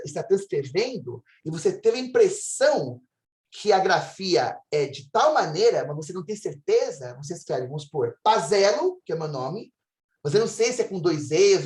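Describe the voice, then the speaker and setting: Brazilian male Latin teacher, unhurried and animated, enthusiastic lecture delivery, echoey room. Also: high voice. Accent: Brazilian Portuguese. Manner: enthusiastic, drawn-out model pronunciations. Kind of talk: recorded lecture.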